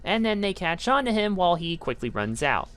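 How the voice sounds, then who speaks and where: A woman's voice: fairly low pitch, big pitch swings, brisk. A woman narrating a scripted game review, with dry, sarcastic asides. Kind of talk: scripted video-essay narration.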